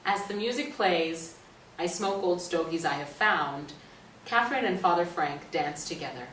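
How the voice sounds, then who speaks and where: With a fairly low, slightly bright voice and lively intonation, a woman reads the stage directions as narrator of a staged play reading at normal speed. Recorded indoors on stage with a distant mic, the sound is roomy and faintly noisy.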